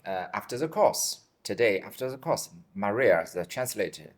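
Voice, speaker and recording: A man in his forties from China, Chinese native, answering interview questions in simple, halting English and repeating himself, tired. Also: fairly low pitch, sing-song. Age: 40s. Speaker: dentist guest. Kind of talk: interview answers in second language.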